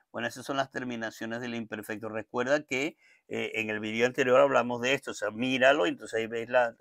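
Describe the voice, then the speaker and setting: A man teaching a casual language lesson, chatty and digressive, slowly repeating words so learners can copy them. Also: fairly high pitch, a bit bright, no echo, clean studio sound.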